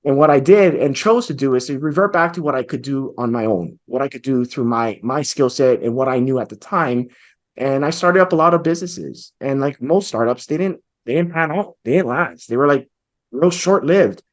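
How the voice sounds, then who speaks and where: Speaking at a medium pitch and normal speed, the forty-something real estate investor from Hawaii earnestly and thoughtfully recounts his story for an interview. He's on a video call from his bookshelf-lined home office.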